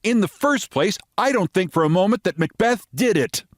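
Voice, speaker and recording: A man's voice: sits high, lively intonation, moderate pace, no room sound, clean studio sound, voice pushed up. A man reading a humorous short story, voicing a chatty, emphatic, opinionated woman. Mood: decisive, indignant. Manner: emphatic, gossipy, matter-of-fact certainty. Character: opinionated, chatty American woman, avid detective-story fan.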